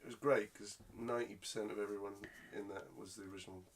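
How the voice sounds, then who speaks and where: A man's voice: lowish voice, fairly even intonation, fast talker, noisy background. A man co-hosting a casual podcast chat, blunt and playful, pushing the topic along. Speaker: podcast co-host.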